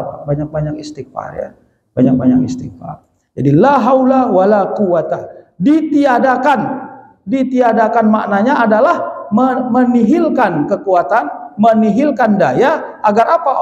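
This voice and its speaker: A man preaching a humorous mosque sermon, telling lively stories and often calling out to the congregation. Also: high voice. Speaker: Islamic preacher. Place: mosque hall. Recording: echoey, dull lo-fi mosque hall.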